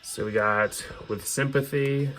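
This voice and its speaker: The audio here is poor, with a little hiss or hum. A man of medium pitch, his voice a bit bright and his tone steady, speaks a little slowly. He's hosting a show-and-tell of his music collection in an informal, opinionated fan's manner.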